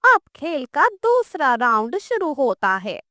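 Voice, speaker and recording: A mysterious pizza-selling witch, put on by a woman storyteller, calm and knowing, drawing out her words slowly. Her voice sits high and swoops through a wide melodic range. The recording is dry and close. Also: no echo, exaggerated voice. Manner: slow, soothing, knowing. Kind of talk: cartoon storytelling.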